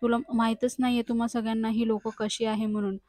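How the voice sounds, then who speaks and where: A woman's voice: fairly high pitch, little pitch movement, quick pace, mellow, no echo, studio quality, lightly acted. A woman reading the lines of a scheming, defiant young woman who taunts and accuses others.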